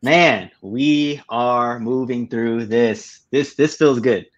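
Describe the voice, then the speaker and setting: A man's voice: mid-range voice, slow pace, lo-fi sound. A man hosting an online event in an upbeat, casual chatty style, often repeating short phrases. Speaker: event host. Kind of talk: casual, informal hosting chat.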